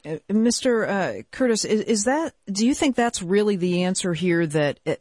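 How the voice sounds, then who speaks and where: Higher-voiced male public radio host, close and dry. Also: animated, normal speed, a little mellow, dry recording. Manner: conversational, probing questions with restarts. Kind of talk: live public radio interview hosting.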